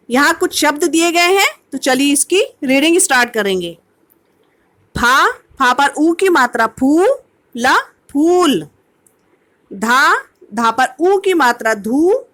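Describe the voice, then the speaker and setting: A primary school teacher gives an online kindergarten lesson, patiently sounding out words syllable by syllable. Her voice sits high and is a bit bright.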